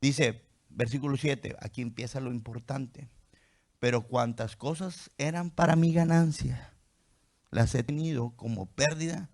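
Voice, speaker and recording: A man's voice: mid-range voice, a little slow, darkish tone. A man preaching a sermon as pastor. He reads scripture aloud, then explains it with rhetorical questions and "¿sí?" checks to the congregation.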